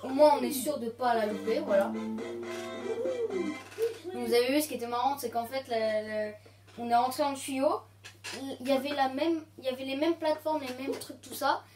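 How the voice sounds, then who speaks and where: Excitable woman commenting on a video game. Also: high voice, normal speed. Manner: excitable, yelps when startled, repeats phrases to calm herself. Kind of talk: casual let's-play commentary. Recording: roomy sound with loud game music.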